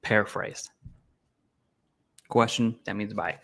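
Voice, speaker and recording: A man's voice: on the low side, steady tone, slow pace, creaky, fairly bright tone. A man hosting a casual live Q&A stream, reading viewer questions aloud and answering bluntly and informally. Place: home setup, eating while streaming.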